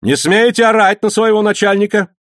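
Brief: man playing a stern, loud ship's mate dressing down a cook, raised pitch, audiobook. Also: lively intonation, fast, dry recording, clean studio sound. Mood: scolding. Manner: stern, scolding. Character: sharp-tongued male ship's mate, scolding.

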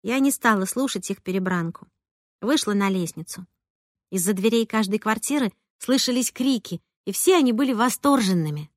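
A woman narrating a first-person audiobook in a lively, conversational way. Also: mid-range voice, normal speed, dry recording, studio quality. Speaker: audiobook reader.

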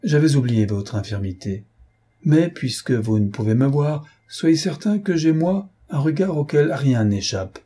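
A man reading the part of a stern, suspicious father who speaks curtly and harshly, in a mellow, slightly husky voice. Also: mid-range voice, expressive, unhurried, voice pushed up. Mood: cooler, stern. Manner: curt, harsh questioning.

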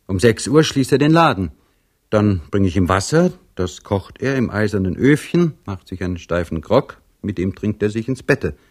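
A man's voice: fairly low pitch, animated, normal speed. A man voicing an earnest young male serf in a storybook reading, talking plainly and wistfully.

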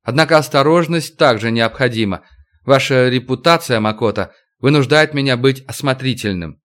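A polite, wary count, as a man reading an audiobook puts him on, choosing his words with formal care. His pitch sits in an ordinary middle range. He sounds measured and composed. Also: a bit bright, natural voice. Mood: courteous.

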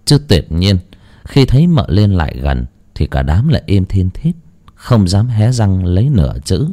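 A man narrating a horror story in a dramatic, drawn-out way. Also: sits low, sing-song, warm tone.

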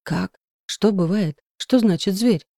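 A woman's voice: mid-range voice, takes it slowly, vocal fry, warm tone, no room sound, studio quality. A woman voicing an eager young male spirit trainee who speaks in an agitated, insistent way. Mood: anxious, urgent.

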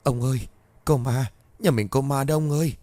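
A man's voice: level tone, unhurried, mellow, slightly rough, no room sound. A man voicing a terrified, haunted young wife who screams and pleads in panic, in a horror storybook narration. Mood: pleading. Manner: shrill frantic screaming.

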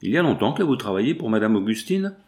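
A man's voice: on the low side, sing-song, quick pace, a little mellow. A man voicing a rich, sickly young woman, gracious but moody, in an audiobook, in a voice close to his own.

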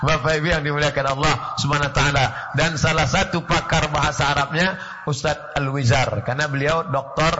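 High-voiced preacher, lo-fi. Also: male voice, a little fast. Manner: lively storytelling with jokes and quoted foreign phrases. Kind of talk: sermon to a congregation. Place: mosque. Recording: dull lo-fi recording with clear background noise.

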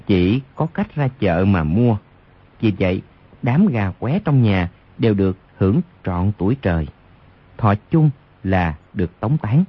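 A man's voice: on the low side, slightly rough. A man narrating a martial arts novel as an audiobook on radio, reading expressively. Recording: lo-fi radio recording.

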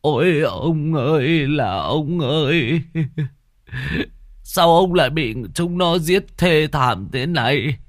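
A man voicing an old male servant who weeps and wails in drawn-out cries. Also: on the high side, lively intonation, no room sound, studio quality, pitched above the performer's own voice. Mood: wailing grief. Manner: weeping, drawn-out wailing.

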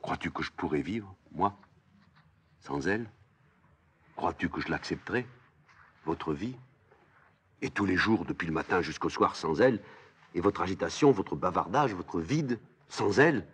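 A man's voice: low voice, lively intonation, unhurried, long pauses, slightly rough, heavily acted. A man reading a play aloud, voicing an anguished young man crying out to his father. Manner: desperate cries.

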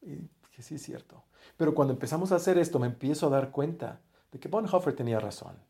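Warm-voiced pastor preaching. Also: male voice, fairly high pitch, expressive, fast, gravelly. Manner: conversational, restarts phrases, voice often drops to a quiet close. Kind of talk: sermon.

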